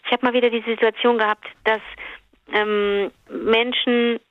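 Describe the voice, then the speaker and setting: A woman co-hosting a chat podcast, teasing and animated, laughing easily. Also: on the high side, unhurried, no room sound, phone-quality sound. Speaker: podcast co-host. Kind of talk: casual chat.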